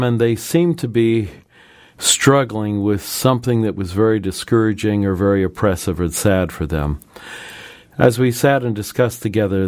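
A man hosting a religious radio program, telling a story in a gentle, measured way and then talking with a guest. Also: lowish voice, dry recording. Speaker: radio Bible program host.

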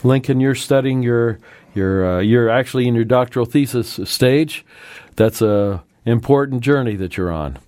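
A man hosting a religious radio program, telling a story in a gentle, measured way and then talking with a guest. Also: medium pitch, no echo. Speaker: radio Bible program host.

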